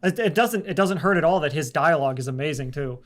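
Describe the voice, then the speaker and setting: A young man co-hosting a casual film podcast, agreeable and quick to laugh. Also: on the high side, expressive. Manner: agreeable, laughs often, frequent backchannel. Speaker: podcast co-host.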